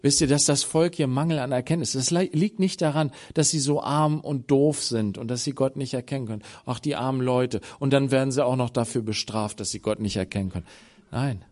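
A man preaching a sermon, dropping to hushed tones and rising to loud appeals, acting out biblical dialogue. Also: mid-range voice, brisk.

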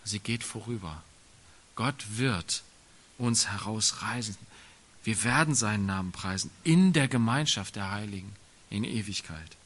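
Bright-voiced man preaching emphatically. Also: on the low side, lively intonation, a little slow. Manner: emphatic, colloquial asides with tag questions. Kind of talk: sermon.

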